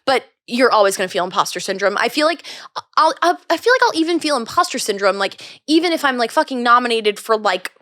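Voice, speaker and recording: A young woman in her twenties, a podcast guest chatting casually, excitable, often gasping and acting out quotes, with lots of fillers. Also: fairly high pitch, fast talker, no echo. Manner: excitable, gasps and acts out quotes, many fillers. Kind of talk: casual chat.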